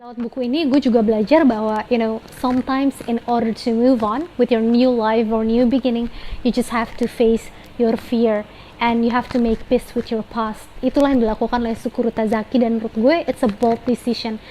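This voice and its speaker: A woman's voice: fairly high pitch, level tone, normal speed, dark tone, slight background noise, low-quality recording. A young woman giving a casual, chatty book review, slipping English phrases into her slang.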